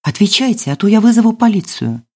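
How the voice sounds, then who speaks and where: A woman's voice: mid-range voice, very animated, fast, darkish tone, pitched above the performer's own voice. A woman reader voicing a sleepy, suspicious older woman speaking through a locked door in an audiobook. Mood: wary. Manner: suspicious, hesitant.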